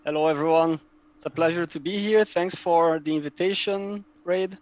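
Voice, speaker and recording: Here the Brazilian map publisher, in his thirties, chats casually as a guest in a Brazilian accent, Portuguese being his native tongue. His pitch is fairly high, his intonation fairly flat, and his pace moderate, with frequent word repetitions as he looks for what to say. The sound is dull but free of echo.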